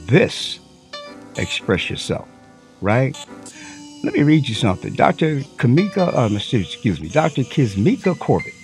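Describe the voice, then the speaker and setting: A man giving a profane, unscripted commentary monologue, talking animatedly and mocking the voices he quotes. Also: mid-range voice. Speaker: online commentary host.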